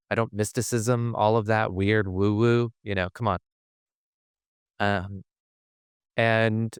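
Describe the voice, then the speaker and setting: A man's voice: fairly low pitch, clear, resonant tone, no room sound, clean studio sound. A man who is a spiritual teacher, telling a personal story in a rambling way, often breaking off his sentences and laughing.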